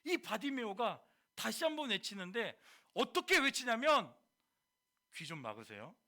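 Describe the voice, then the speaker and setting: A man preaching to a high school youth group, animated, quizzing the listeners and slipping into casual speech. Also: measured pace.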